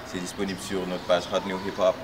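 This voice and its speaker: Speaking as a guest, a man who raps gives laid-back answers packed with fillers like "tu vois." He has a deep voice and talks fast, recorded from a distance with a noisy background.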